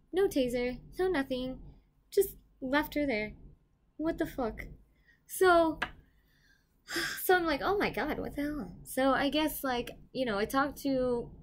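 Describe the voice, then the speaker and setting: A young woman tells a story in a casual vlog, jumping from loud excited bursts to low, hushed asides. Her voice sits at a middle pitch, with a faint hiss of background noise under it. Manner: animated, swings loud and quiet, swears casually. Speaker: property manager telling a story.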